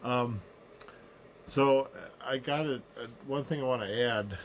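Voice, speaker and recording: A middle-aged man talking casually to camera in a low, unhurried, subdued voice, sick with a sore throat. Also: slight background noise. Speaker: vlogger. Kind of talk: casual personal rant to camera. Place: small living room indoors.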